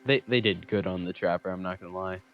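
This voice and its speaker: A man's voice: deep voice, quick pace, phone-quality sound, soft background music. A man streaming a game, joking and mocking himself as he comments on what he reads. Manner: joking, self-mocking asides. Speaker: gaming streamer. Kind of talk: casual commentary while reading a game aloud.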